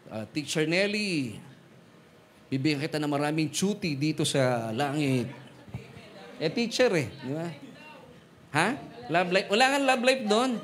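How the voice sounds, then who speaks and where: A man with a Filipino accent preaching a sermon, mixing Tagalog and English, joking with the congregation and slowing down on Bible verses. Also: fairly high pitch, a bit bright, a little hiss or hum. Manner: switches between Tagalog and English, jokes with congregation; slows to stress Bible verses. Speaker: pastor. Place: church hall.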